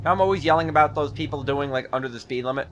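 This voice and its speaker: Brief: man, slightly higher voice, chatty gaming host, cracks puns, faint noise underneath. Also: fast talker, a bit bright. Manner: jokey, punning, chatty. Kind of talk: casual let's play commentary.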